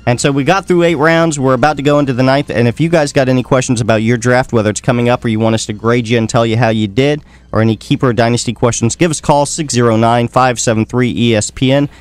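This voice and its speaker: A man's voice: medium pitch, fairly even intonation, quick pace, hardly any pauses. A man hosting a radio sports show, running through draft picks in a casual, joking way.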